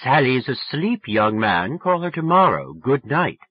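A man's voice: medium pitch, sing-song, a little slow, slightly rough, dry recording, muffled recording, voice pushed up. A man voicing a cold, stern old grandmother in an audiobook, frosty, clipped and disapproving. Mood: cold disapproval.

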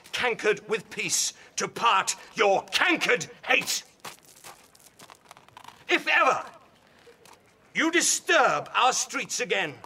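A man's voice: sits high, pushed and bright, slight background noise, full character voice. An actor playing a stern, commanding male prince who proclaims his judgment in Shakespearean stage acting.

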